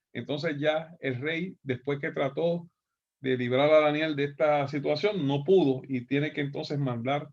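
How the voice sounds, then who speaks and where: A man's voice: on the high side, lo-fi sound. A man teaching a Bible class, reading scripture aloud and explaining it, often checking in with "¿verdad?".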